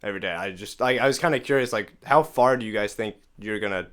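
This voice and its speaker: A man appearing as a podcast guest who answers in hesitant, halting phrases. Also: lowish voice, fairly bright tone. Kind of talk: casual podcast chat.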